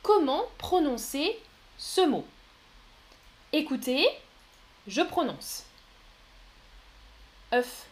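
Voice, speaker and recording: A woman giving a live pronunciation lesson, speaking slowly and carefully, repeating each word and laughing softly now and then. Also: sits high, sing-song. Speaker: French teacher.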